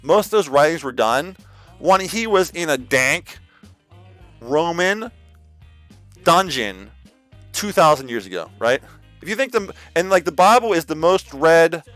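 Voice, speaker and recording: Male streamer, casual preaching, rambling, lots of "like", lively swings in pitch. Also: measured pace, long pauses, no room sound, faint music behind. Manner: rambling, full of "like" and repeated restarts; slangy, addresses listeners as "man".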